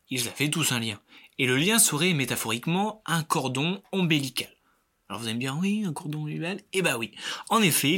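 A man's voice: mid-range voice, pushed and bright. A man hosting a film segment, reading a scripted review with wry joking asides. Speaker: film critic host.

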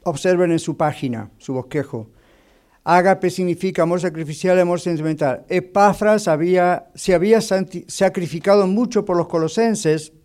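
A man's voice: sits high, moderate pace, a little mellow. A man, a pastor teaching a Bible class in a chatty way, who drops English fillers and keeps checking with the class. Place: church classroom in the United States.

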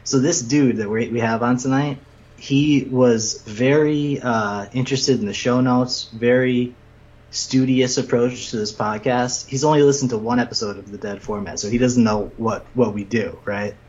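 A man's voice: mid-range voice, steady tone, moderate pace, a little mellow, husky. Slangy male podcast host, dull sound. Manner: slangy, bro-heavy, teasing. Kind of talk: casual banter.

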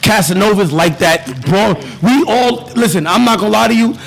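A man's voice: sits high, moderate pace, creaky. A man from Brooklyn with a New York accent, hosting a loose podcast chat and keeps saying "listen" to hold the floor. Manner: loud, insistent, repeats "listen" to hold the floor. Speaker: podcast host. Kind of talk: casual bar-table chat. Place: rented event space, indoors.

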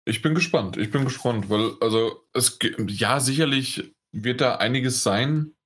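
Male podcast co-host, husky, mid-pitched, casual and rambling. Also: unhurried, fairly bright tone. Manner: rambling, many fillers and restarts. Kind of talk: casual chat.

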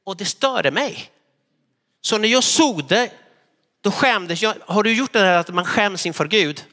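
Pastor guy preaching, high bright voice, acts out the story bits, big churchy echo. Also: lively intonation. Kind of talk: sermon. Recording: church hall reverb.

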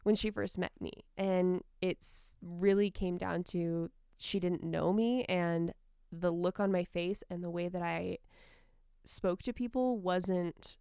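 A woman chatting casually as a podcast co-host, in a soft, sultry voice with vocal fry and a frank, unbubbly manner. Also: lowish voice, steady tone, slow pace, no echo, clean studio sound. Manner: frank, not bubbly. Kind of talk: casual chat.

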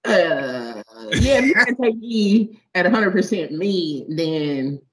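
A young woman in casual chat, slangy and animated, laughing often. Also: lowish voice, takes it slowly, low-quality recording.

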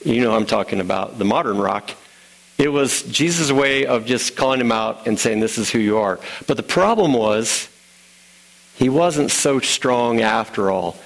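Gravelly-voiced man preaching casually. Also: mid-range voice, a little slow, rough recording. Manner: conversational storytelling with fillers and restarts. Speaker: pastor. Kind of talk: sermon.

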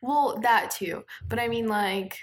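A woman's voice: a little high, unhurried. A woman co-hosting a podcast in casual, laid-back, slangy chat. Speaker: podcast co-host. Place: at home in an apartment.

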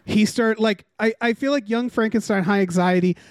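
A man's voice: sits high, moderate pace, smooth, no room sound, studio quality. A man on a podcast, thinking aloud hesitantly in casual chat. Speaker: podcast panelist.

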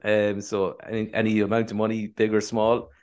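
A man's voice: lowish voice, monotone, normal speed, darkish tone, highs cut off. An Irish man co-hosting a podcast in casual, rambling, self-deprecating chat. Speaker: podcast co-host.

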